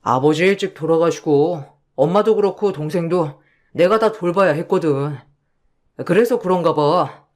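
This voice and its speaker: A woman voicing a tired, apologetic young husband who speaks low and slowly. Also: darkish tone, lightly acted. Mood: weary, apologetic. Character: young husband, weary, apologetic and soft-spoken.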